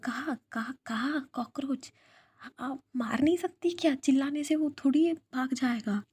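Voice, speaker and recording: A whispered role-play figure: a lively young woman who teases and fusses, put on by a woman telling the story. The whisper is breathy and hushed, with a mellow, dark color. The delivery stays level and unhurried. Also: mid-range voice, no echo, natural voice. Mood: panicky.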